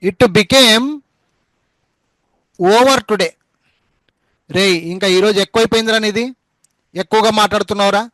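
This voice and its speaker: A man teaching an English spelling lesson, spelling words out letter by letter and repeating them slowly. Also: sits high, fairly even intonation, fairly bright tone, dry recording, poor audio. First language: Telugu.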